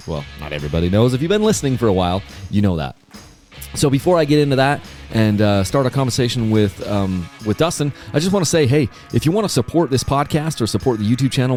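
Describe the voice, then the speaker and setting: Low-voiced man in his forties, rambling. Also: darkish tone. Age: 40s. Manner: rambling, many fillers and restarts. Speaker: podcast host. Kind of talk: casual podcast chat.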